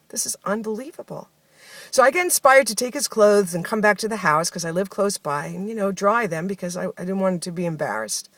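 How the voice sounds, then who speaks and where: A woman talks through her day as a spoken personal diary, reflective and heartfelt, with plenty of casual fillers. Her voice sits at an everyday middle pitch. The sound is dry and close, with no room echo. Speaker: host of a spoken daily journey series.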